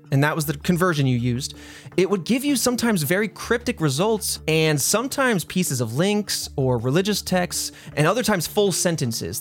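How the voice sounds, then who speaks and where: A man hosting a podcast, explaining a story in a casual, conversational way. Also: fairly high pitch. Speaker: podcast host.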